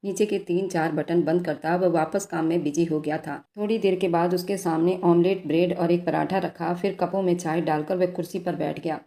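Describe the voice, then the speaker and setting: Woman storyteller, low and mellow, steady scripted narration. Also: normal speed, few pauses.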